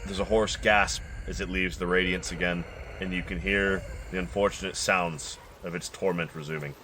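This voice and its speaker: A man narrating a tabletop game as game master, with ornate, deliberate, dramatic storytelling. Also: deep voice, fairly even intonation, noisy background.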